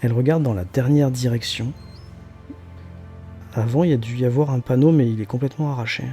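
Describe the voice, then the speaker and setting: A man's voice: medium pitch, fairly quick, mellow. A man narrating an improvised tabletop role-playing game as game master. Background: faint music.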